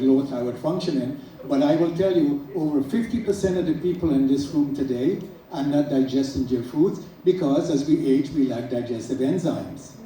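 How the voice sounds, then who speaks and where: A man's voice: a little high, dark tone. A middle-aged man from Trinidad and Tobago, a naturopath giving an earnest, emphatic promotional talk to a live audience, listing items one by one. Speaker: naturopath speaking at a product event. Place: event room with an audience. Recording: echoey room from far off with faint noise.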